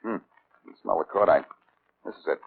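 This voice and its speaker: A quick-talking, cool-headed detective with a lowish voice and dry, sardonic quips. He comes through thin and tinny, like an old radio broadcast with a faint hiss. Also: creaky, breathy edge, exaggerated voice. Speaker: detective lead.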